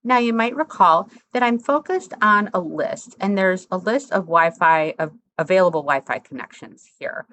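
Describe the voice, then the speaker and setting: A woman instructor talking through a software tutorial step by step, in a conversational, explanatory way. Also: lowish voice, expressive, normal speed, hardly any pauses.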